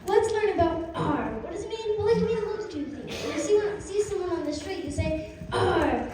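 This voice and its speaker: A woman's voice: extremely high pitch, quick pace, very echoey. Woman explaining stuff on stage, playful, far from the mic, noisy. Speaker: stage narrator. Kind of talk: live stage narration and audience teaching.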